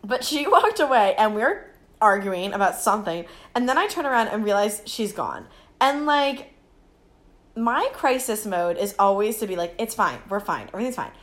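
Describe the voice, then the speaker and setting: A woman's voice: medium pitch, moderate pace. A young woman co-hosting a podcast, telling a childhood story in casual chat, giggling and acting out voices. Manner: giggly, animated, acts out voices in her stories. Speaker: podcast co-host.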